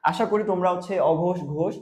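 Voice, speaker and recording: A young man from Bangladesh teaches a class lesson in a fairly high but mellow voice. He asks his own questions and answers them, hitting key terms hard. The sound is echoey, like a bare room. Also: steady tone, quick pace. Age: young adult. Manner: stresses key terms loudly.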